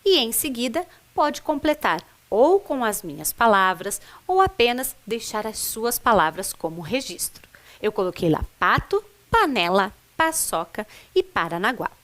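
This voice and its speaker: Slow, lively-voiced woman teacher. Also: on the high side. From Brazil. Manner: slow, syllable-by-syllable, encouraging teacher talk. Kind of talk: adult literacy video lesson.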